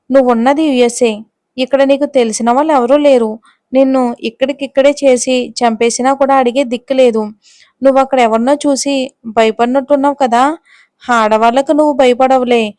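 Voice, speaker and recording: A woman's voice: sits high, steady tone, moderate pace, a little mellow, dry recording, studio quality, natural voice. A woman voicing a domineering young male boss in an audio story, speaking in a taunting, threatening way. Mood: menacing.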